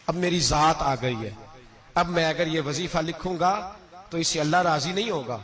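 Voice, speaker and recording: A man's voice: a little high, a bit bright. A male preacher telling a story in a sermon, passionate and climbing sharply at emotional points.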